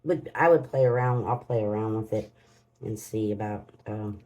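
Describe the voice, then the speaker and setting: A woman's voice: rumbling low, normal speed, dark tone, poor audio. A woman hosts a casual crafting vlog, muttering to herself as she works in homespun phrasing. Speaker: crafting channel host. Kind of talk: casual unboxing and demo vlog.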